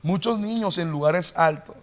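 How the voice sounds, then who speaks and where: A male pastor explaining in an earnest, teacherly way as a podcast guest, often pausing on "eh". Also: on the high side, long reverb tail. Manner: earnest, teacherly, frequent "eh" fillers. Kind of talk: podcast interview, preaching-like explanation.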